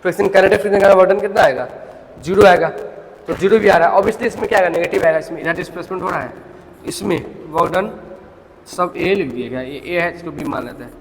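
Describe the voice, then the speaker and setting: High, gravelly-voiced man teaching physics. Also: brisk. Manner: explains step by step, often asks the class questions. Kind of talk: classroom lecture. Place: classroom. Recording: reverberant classroom, faint background noise.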